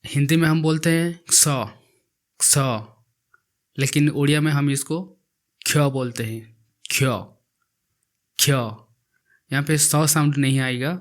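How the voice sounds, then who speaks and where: A man who teaches language speaks in a steady voice on the high side during a slow, repetitive alphabet lesson. He pronounces every letter twice, writing it slowly and describing how it is written.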